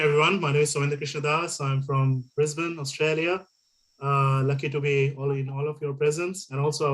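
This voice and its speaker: A man's voice: on the high side, fairly bright tone, rough recording. A man introducing himself in a video meeting in a cheerful, chatty way. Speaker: meeting participant. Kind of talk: self-introduction on a video call. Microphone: video call.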